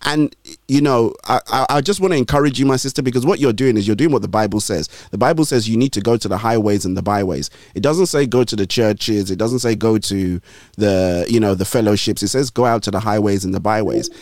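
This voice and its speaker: This studio host conducts a gospel radio interview, encouraging his guest in a sermon-like style and often starting his words over. His voice is on the low side, a little fast and darkish, with no echo.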